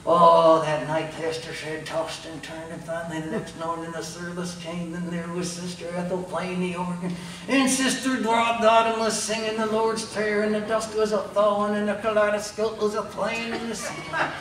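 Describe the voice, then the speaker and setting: Echoey far-off mic, a high folksy hillbilly puppet, kentucky accent, rambling comic stories. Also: male voice, level tone, normal speed, fairly bright tone. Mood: storytelling, wry. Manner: drawling country idioms, rambling. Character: folksy chatty hillbilly ventriloquist puppet telling tall tales. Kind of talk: comic storytelling in a ventriloquist stage act. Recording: echoey room, distant mic, faint noise.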